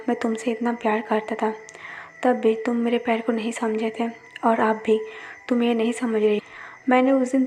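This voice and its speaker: Woman voicing a gentle pleading young man. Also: a little high, a little hiss or hum, natural voice. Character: pleading young man, former servant in love.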